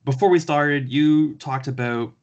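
A man hosting a casual podcast chat, relaxed, talking in long runs with fillers. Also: a little high, a little slow, lo-fi sound. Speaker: podcast host.

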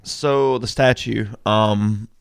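A man co-hosting a sports talk show, talking casually and haltingly, often repeating words as he thinks aloud. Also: fairly low pitch, steady tone, vocal fry, clean tone, no echo, clean studio sound. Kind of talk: casual sports radio chat. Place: radio studio.

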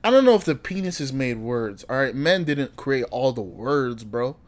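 A man's voice: mid-range voice, expressive, normal speed, slight background noise. A man hosting a casual reaction chat, mocking and swearing as he laughs at clips. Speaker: podcast host reacting to clips.

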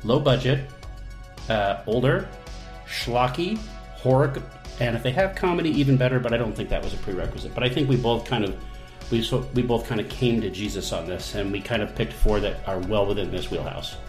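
A man's voice: lowish voice, brisk, darkish tone, reverberant, faint music behind. A man hosting a podcast in casual chat, jokey and self-mocking. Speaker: podcast host and managing editor.

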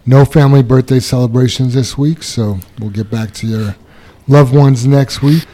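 A man co-hosting a casual podcast, reading out names and birthdays from a list. His voice is mellow and dark, and his delivery stays matter-of-fact. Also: medium pitch, fairly even intonation, normal speed. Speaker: podcast co-host reading announcements.

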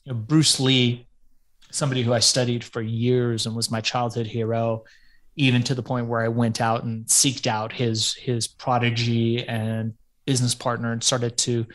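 This Iranian man is being interviewed as a podcast guest, his mid-range voice delivered flatly at an even, moderate speed. He reflects casually on things and curses every so often.

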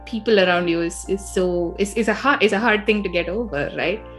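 A woman's voice: mid-range voice, fairly quick, faint music behind. A young woman in her thirties or younger hosting an interview podcast, chatting in an upbeat, conversational way. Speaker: podcast host. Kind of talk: casual interview talk.

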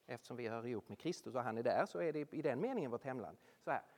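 Animated preacher in a reverberant hall. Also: mid-range voice. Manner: animated, rhetorical questions, swings between loud and hushed. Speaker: speaker addressing a Norwegian audience. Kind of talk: sermon.

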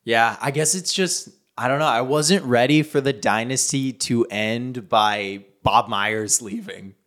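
A man co-hosting a sports podcast in a studio, joking around in a relaxed, casual way. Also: medium pitch, measured pace. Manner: joking, easygoing. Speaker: podcast co-host.

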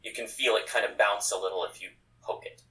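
A man's voice: fairly low pitch, steady tone, quick pace, pushed and bright, far from the mic, low-quality recording. A man narrating a tabletop game casually as game master and host.

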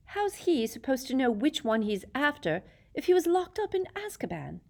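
A woman's voice: big pitch swings, moderate pace, creaky, dark tone, heavily acted. A woman reading aloud and voicing a nervous, skeptical teenage boy in a storybook. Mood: incredulous. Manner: weak, incredulous, high.

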